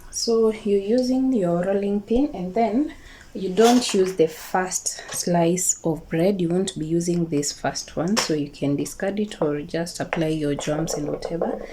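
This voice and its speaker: Slow-talking Kikuyu Kenyan woman, noisy kitchen. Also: on the low side. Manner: repeats words and checks in with viewers; mixes Swahili words into English. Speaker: home cook presenting a recipe video. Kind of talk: casual cooking tutorial. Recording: clearly noisy home recording, kitchen clatter.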